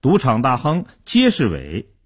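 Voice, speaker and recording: Husky, animated male storyteller. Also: medium pitch, unhurried. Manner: dramatic, animated narration. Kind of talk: radio storytelling.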